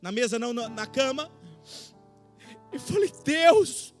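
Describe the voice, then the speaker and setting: High-voiced Brazilian preacher, dramatic swings. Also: male voice, lively intonation, moderate pace, faint music behind. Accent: Brazilian Portuguese. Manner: dramatic, swinging from hushed to shouting. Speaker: pastor. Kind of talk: emotional testimony sermon. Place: church service with faint music behind.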